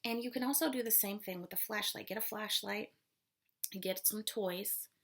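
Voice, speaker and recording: A woman elementary school teacher reads aloud to children, then patiently explains a lesson step by step. Her voice is mid-range at a normal speed, and she is in a small, darkened room at home.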